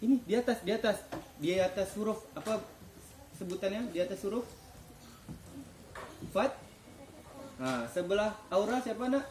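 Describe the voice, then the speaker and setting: A man's voice: high voice, expressive, moderate pace, long pauses, a little mellow, a little hiss or hum. A man teaching children to read the Quran in a classroom, patiently quizzing them and praising their answers. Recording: echoey classroom.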